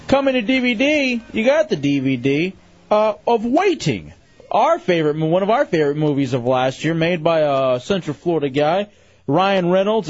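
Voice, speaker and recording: A man hosting a radio show, doing an informal, conversational contest promo, reading out prizes and phone numbers. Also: sits high. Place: radio studio. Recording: slightly muffled radio broadcast over music. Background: music bed.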